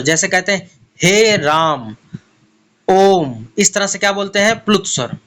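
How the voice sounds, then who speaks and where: A man teaching an exam-prep grammar lesson, explaining step by step and asking and answering his own questions, slowly spelling out letters one at a time. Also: high voice, sharp tone. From India.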